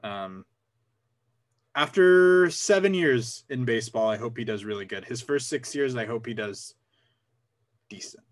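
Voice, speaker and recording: A man's voice: medium pitch, animated, a little slow, long pauses. A young man co-hosting a casual sports podcast, wry and joking, repeating phrases for effect. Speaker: podcast co-host.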